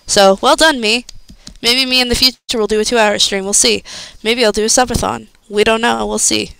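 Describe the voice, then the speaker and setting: A young woman streamer rambles in a loose, chatty way, thinking aloud between fillers. Her voice is smooth and clear, recorded close and dry with no room sound. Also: on the high side, fairly even intonation, brisk, a bit bright, no echo, poor audio. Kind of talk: casual chat, reacting to a video.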